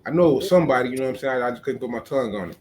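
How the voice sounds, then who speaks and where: Fast-talking casual male interview host. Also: medium pitch, expressive, a little mellow, slight background noise. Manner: easygoing, lots of "you know what I'm saying".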